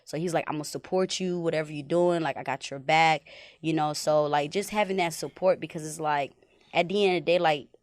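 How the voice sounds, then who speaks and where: A young woman with a low voice speaks as a podcast guest, recalling her path into directing films. She talks in an unhurried, reflective way, leaning on "like" and "you know." Her voice is recorded dry and close on a studio mic. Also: steady tone, no room sound. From Haiti. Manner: reflective storytelling, many "like" and "you know" fillers. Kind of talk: casual podcast interview.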